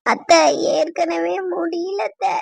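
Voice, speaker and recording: A woman's voice: very high-pitched, level tone, normal speed, vocal fry. A woman voicing a tearful young pregnant wife in labor, wailing and pleading. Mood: crying. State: crying.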